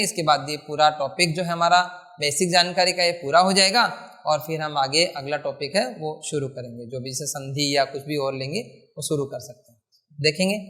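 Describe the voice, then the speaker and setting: A man teaching Hindi grammar in a classroom lecture, asking questions and answering them himself, repeating key words slowly. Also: on the high side, pushed and bright. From India.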